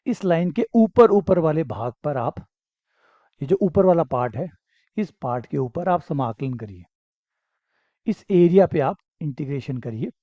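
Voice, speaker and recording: A male math teacher with a fairly high voice explains each step patiently. He repeats his phrases and answers his own questions, which keeps the class moving. The recording is dry and a little dull. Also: lively intonation, unhurried, no echo. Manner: repetitive, encouraging, asks and answers own questions. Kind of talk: explanatory lecture.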